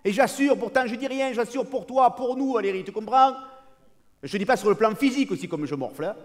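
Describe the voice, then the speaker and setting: A comedian acting out a brash, boastful cheating husband, talking cockily and excitably to a partner who is never heard. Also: male voice, extremely high pitch, brisk. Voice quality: cocky, excitable, talks over an unheard partner. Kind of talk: live stand-up character monologue.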